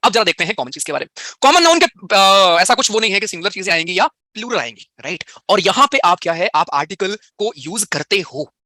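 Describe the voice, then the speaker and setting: Young male grammar tutor with an Indian accent, quick and high-pitched, chatty with his live class. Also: sing-song, pushed and bright. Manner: chatty, explains in Hindi with English terms, answers students' chat questions. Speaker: English grammar teacher. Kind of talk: live online class explanation.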